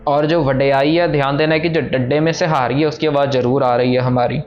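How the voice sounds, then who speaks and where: A man teaching how to pronounce scripture. He explains patiently, then recites each line slowly. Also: medium pitch, steady tone. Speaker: Gurbani pronunciation teacher. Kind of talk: pronunciation lesson, slow chanted recitation. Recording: dull lo-fi audio with soft music. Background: soft background music.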